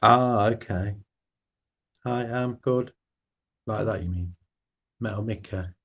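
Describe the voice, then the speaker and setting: A man's voice: fairly low pitch, slow, gravelly, fairly bright tone. A man hosting a casual evening live stream, greeting viewers by name in a friendly way.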